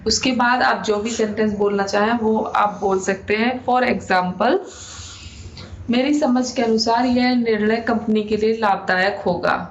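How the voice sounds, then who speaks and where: A young woman teaching spoken English, repeating each sentence slowly and deliberately. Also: on the high side, steady tone, a little hiss or hum. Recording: echoey room, dull lo-fi sound.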